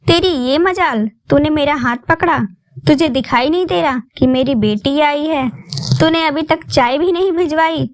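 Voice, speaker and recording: A woman voicing a harsh, scolding middle-aged mother-in-law who shouts and taunts. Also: high voice, moderate pace, no room sound. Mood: scornful.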